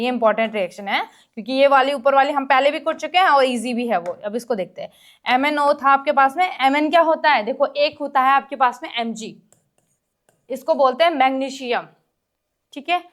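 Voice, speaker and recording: A woman teaches an exam-prep lesson, talking straight to the students. She works through each step and keeps checking whether they follow. She reads English question text slowly and sometimes coughs or clears her throat. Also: high-pitched, fairly bright tone. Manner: explains step by step in Hindi mixed with English, keeps asking the class questions.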